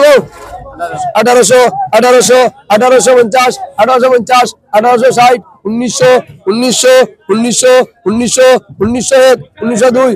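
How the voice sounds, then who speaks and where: Sylheti guy doing an auctioneer chant, really high voice, repeating prices over and over. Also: rough recording. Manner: repetitive, rhythmic calling out of bids. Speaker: fish market auctioneer. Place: fish wholesale market.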